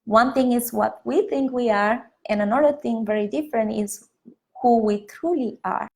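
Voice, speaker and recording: A woman from Costa Rica with a Costa Rican Spanish accent, a yoga and meditation teacher giving a calm, gently paced mindfulness talk on a live stream. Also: a little high. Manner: slow, calm, gentle delivery with many pauses.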